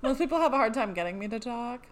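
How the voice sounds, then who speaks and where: A woman's voice: a little high, animated, fast talker. A young woman co-hosting a casual podcast, talking in a dry, teasing way. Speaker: podcast co-host.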